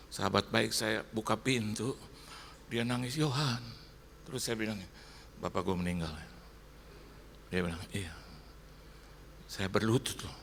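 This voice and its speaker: A male pastor gives an Easter sermon in church, animated and theatrical as he tells a personal story. His voice is low and gravelly, with a bright, forceful edge. A faint hiss sits behind him. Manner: animated storyteller who acts out dialogue. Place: church service.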